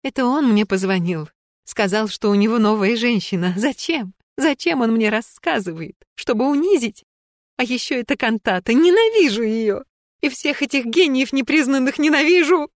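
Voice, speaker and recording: A woman reading a story, voicing a drunk middle-aged woman who weeps and pleads, rising to shrill cries. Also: sing-song, moderate pace, dry recording, clean studio sound. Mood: hysterical.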